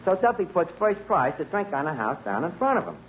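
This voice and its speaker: A high-pitched "New" wise guy barkeep, the comic lead of a 1940s radio sitcom, plays a wisecracking male tavern manager prone to malapropisms. He tells a story fairly quickly, with big pitch swings, in a streetwise manner that mangles grammar and big words. The recording is muffled and noisy.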